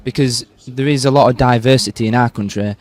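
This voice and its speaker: A man's voice: medium pitch, steady tone, fast talker, darkish tone. A young man with a Yorkshire accent, chatting and laughing easily in an interview. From Yorkshire, England. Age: young adult. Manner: chatty and laughing, with frequent fillers. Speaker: university student, torch relay participant. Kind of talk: casual interview chat.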